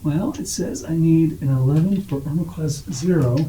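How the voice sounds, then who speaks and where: A man's voice: a little high, normal speed, mellow, roomy sound, distant mic, a little hiss or hum, low-quality recording. A man running a tabletop game as game master, thinking aloud over dice rolls and rules.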